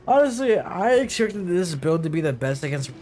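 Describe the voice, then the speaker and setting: A man's voice: high voice, sing-song, moderate pace, a little mellow. A young man in his twenties with hiccups, giving rambling, profane, casual commentary over his gameplay, full of fillers. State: has hiccups. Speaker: gaming video creator.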